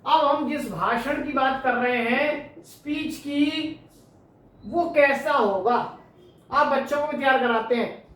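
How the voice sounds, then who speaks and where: A woman's voice: high-pitched, slow pace, a bit bright. A woman teacher giving an exam-prep lecture who asks her students questions and then answers them herself. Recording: very echoey room, distant mic.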